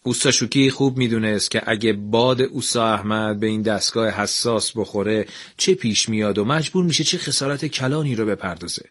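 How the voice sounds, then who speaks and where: A man narrating a scripted radio story in an even, measured way. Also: on the low side.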